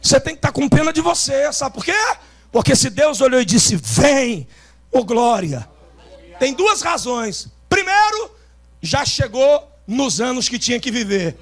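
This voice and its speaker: A man with a Carioca accent preaching a revival sermon, shouting with great force and dropping now and then into quieter asides. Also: very high voice, very animated, a little slow. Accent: Carioca Portuguese. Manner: shouts with great intensity, swinging between loud bursts and softer asides. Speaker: pastor. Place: outdoor rooftop church service.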